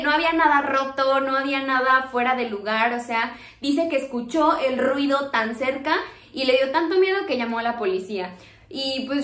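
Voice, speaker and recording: Young Mexican woman, high voice, animated storyteller, roomy echo. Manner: animated, re-enacts dialogue, many fillers. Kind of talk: casual spooky storytelling.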